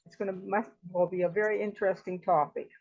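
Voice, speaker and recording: A woman's voice: mid-range voice, steady tone, fast talker. Woman, hesitant, casual, muffled call audio. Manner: hesitant, thinking aloud. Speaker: organizer. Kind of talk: casual group chat. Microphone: video call. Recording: dull video-call audio.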